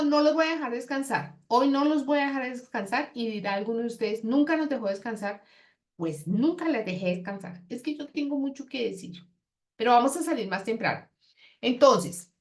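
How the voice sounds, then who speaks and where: Chatty woman teacher. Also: a little high. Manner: chatty, lively, acts out example dialogues. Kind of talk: classroom lecture.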